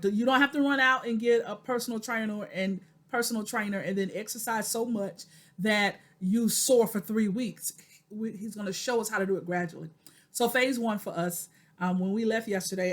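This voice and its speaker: A woman in her forties recording a personal video diary, talking to viewers in an earnest, preacherly way and repeating phrases for emphasis. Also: mid-range voice. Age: 40s. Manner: addresses viewers directly as "y'all". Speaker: vlogger.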